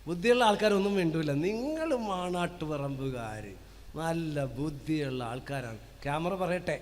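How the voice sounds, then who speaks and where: A male priest preaching to his parish, asking rhetorical questions and slowly listing key words for the congregation to repeat. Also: fairly high pitch, expressive, a little hiss or hum. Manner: rhetorical questions with call-and-response; slow emphatic listing of words. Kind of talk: parish sermon to a live congregation. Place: church hall with long reverb. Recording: reverberant church hall.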